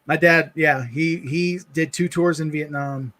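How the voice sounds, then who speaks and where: A man co-hosting a livestream, telling a personal story in an earnest, halting way with many restarts. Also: on the high side, steady tone, fairly bright tone. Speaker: livestream co-host.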